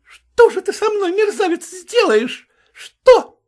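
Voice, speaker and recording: A furious, jealous mistress shrieks and screams accusations, as a male narrator puts her on. Her voice sits very high and swings wildly. It is a storybook reading. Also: sing-song, slow pace, full character voice. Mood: screaming. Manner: screeching, shouting accusations. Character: furious shrill middle-aged woman, jealous mistress.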